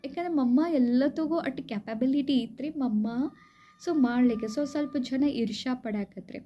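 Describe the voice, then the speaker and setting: A woman giving a devotional talk, retelling stories conversationally and addressing listeners warmly with frequent polite asides. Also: sits high. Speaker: spiritual speaker. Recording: slightly dull recording with faint background hiss.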